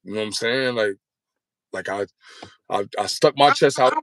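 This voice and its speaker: A man's voice: lowish voice, moderate pace, fairly bright tone, no echo. A man in his thirties telling his story as an interview guest, rambling in slangy street talk and often asking if you follow. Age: 30s. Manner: rambling, repeats "you know what I'm saying".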